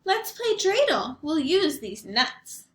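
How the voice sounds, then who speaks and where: A woman's voice: high voice, big pitch swings, slow, echoey room, pitched above the performer's own voice, exaggerated voice. Woman playing a fussing, kindly old grandmother. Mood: fond. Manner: fond, fussing and sing-song. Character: kindly old woman, half blind and half deaf, chatty.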